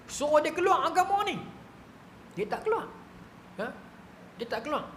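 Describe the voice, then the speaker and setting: A man giving a storytelling religious lecture, colloquial and animated, often checking in with his listeners. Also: extremely high pitch, moderate pace, roomy sound, a little hiss or hum.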